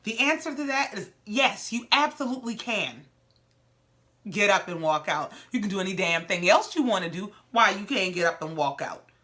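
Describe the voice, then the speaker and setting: A woman's voice: medium pitch, pushed and bright. A young woman recapping a reality show in casual commentary, sassy and blunt.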